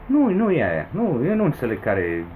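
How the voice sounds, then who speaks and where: Romanian man in his 40s, vlogging a heated grievance, voice leaping high on outbursts, faint background hiss. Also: huge pitch swings, narrow, tinny audio. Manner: agitated, with emphatic high-pitched outbursts. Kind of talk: rambling personal complaint to camera. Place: home in the Philippines.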